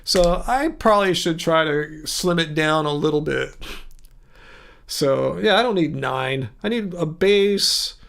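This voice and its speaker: A man's voice: fairly high pitch, expressive, slow, vocal fry, fairly bright tone. A man hosting a casual livestream, reading viewer comments aloud and answering them in a rambling, chatty way. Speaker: livestream host. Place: home room.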